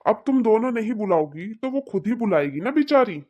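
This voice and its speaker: A woman's voice: on the high side, big pitch swings, fairly quick, a little mellow. A woman voicing a meek older husband and father-in-law in a cartoon, mild and reproachful.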